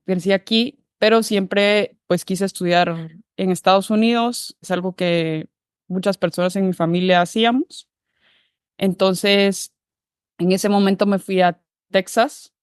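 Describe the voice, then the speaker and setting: A behavior analyst from Guatemala talks through her career in a relaxed interview, pausing to think and often restarting her sentences amid fillers. Her voice is medium-pitched, clear, and resonant, fairly even and unhurried, in a dry, clean studio recording.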